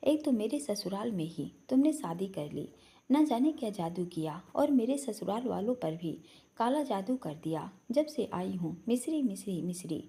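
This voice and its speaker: A woman's voice: medium pitch, sing-song, moderate pace, gravelly, dark tone. A woman doing a scornful, taunting young wife. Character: spiteful young woman, sharp-tongued sister-in-law.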